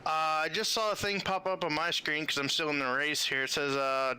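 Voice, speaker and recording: Male driver, very bright and tense tone, a bit high, rambling, apologetic. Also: fairly quick, clean tone. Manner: apologetic, rambling, says "man" and "dude" a lot. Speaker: racing driver. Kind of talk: casual chat on a race broadcast.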